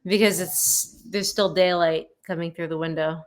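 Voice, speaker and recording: A woman's voice: on the low side, steady tone, moderate pace. A young woman from the USA chatting on a video call, talkative and emphatic as she teases her partner. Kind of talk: casual video chat.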